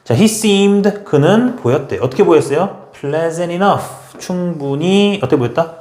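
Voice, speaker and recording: A man teaching an English grammar lesson in a brisk way, often checking in with his students and urging them to memorize. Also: fairly high pitch, expressive, a little mellow, roomy sound. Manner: brisk, repeats "okay?" and pushes students to memorize. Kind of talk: classroom lecture.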